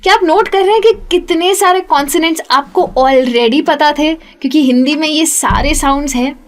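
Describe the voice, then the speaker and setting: A young woman teaching English pronunciation, patiently repeating each sound slowly for practice. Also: sits high. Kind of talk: spoken English lesson.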